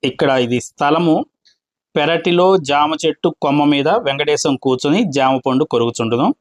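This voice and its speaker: Man reading a play aloud, fairly high voice. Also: normal speed. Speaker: storyteller.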